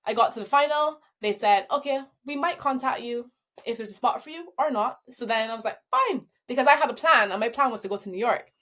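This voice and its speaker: A young woman from Barbados, a professional dancer, telling her story as an interview guest, upbeat and quick to laugh. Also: fairly high pitch, a bit bright. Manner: upbeat, laughs easily while telling stories.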